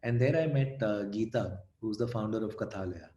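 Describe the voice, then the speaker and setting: Indian guy telling stories about his career, lively, kinda roomy sound. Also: fairly low pitch, a little fast. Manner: animated anecdotes, voices quoted people. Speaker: storyteller and guest. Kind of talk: conversational interview.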